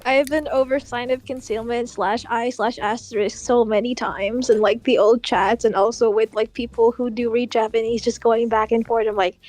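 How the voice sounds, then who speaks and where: A woman on a voice call, chatting casually and filling her talk with likes and ums. Her voice sits fairly high. She sounds friendly and relaxed, like a stream co-host. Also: normal speed, few pauses, a little hiss or hum. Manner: chatty, with frequent fillers. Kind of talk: casual chat.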